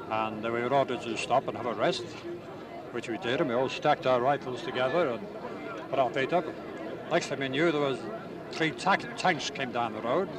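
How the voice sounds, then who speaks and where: An older man, born in Ireland and raised in England, telling an interviewer about his wartime past in a plain, unhurried way with small hesitations. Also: medium pitch. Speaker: war veteran interviewee. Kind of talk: recalling memories in an interview. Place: outdoors at a busy city gathering. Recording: distant mic, crowd noise behind.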